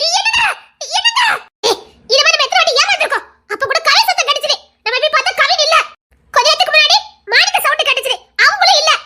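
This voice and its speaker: Woman doing trapped young woman in a radio drama, shrill and teary, begging to be saved. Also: lively intonation, fast, bright, forceful tone, heavily acted. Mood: frightened. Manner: tearful and pleading. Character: frightened young woman trapped, calling for help.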